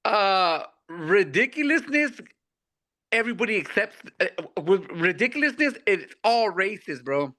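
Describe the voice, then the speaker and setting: A man guest comedian with an unexpectedly high voice, chatting casually in slang with many restarts. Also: big pitch swings, measured pace, bright, forceful tone. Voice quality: unusually high voice for his look. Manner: laid-back slangy talk, many repeats. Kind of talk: casual interview chat.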